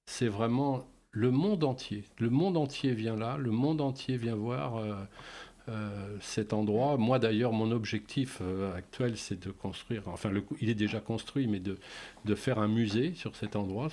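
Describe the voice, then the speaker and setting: Hesitant low-voiced man. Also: dark tone. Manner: hesitant, many pauses and fillers. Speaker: guest. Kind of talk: radio interview, telling anecdotes.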